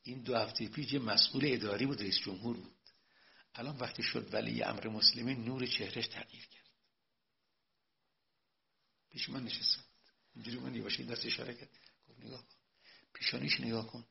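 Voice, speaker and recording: A male cleric giving a religious lecture, moving between quiet storytelling and loud, emphatic preaching. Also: medium pitch, steady tone, vocal fry, long pauses. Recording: dull lo-fi recording.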